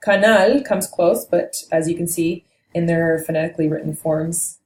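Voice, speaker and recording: Speaking in a lowish, slightly mellow voice, a woman patiently teaches a linguistics lesson as a language teacher. Her delivery is measured and explanatory, broken by the odd self-correction, and the recording carries room echo and faint noise.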